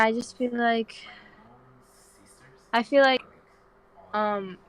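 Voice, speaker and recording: A nineteen-year-old woman from the Dominican Republic chats as a guest on a live stream, rambling in slangy speech full of "like". Her voice is mid-range and a bit bright, captured in a low-quality recording.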